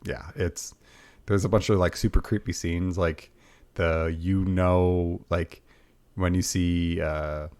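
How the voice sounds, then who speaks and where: Casting note: male podcast co-host, very deep voice, wry and easygoing. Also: level tone, slow, darkish tone, clear, resonant tone. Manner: laid-back, wry, chatty. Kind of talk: casual chat.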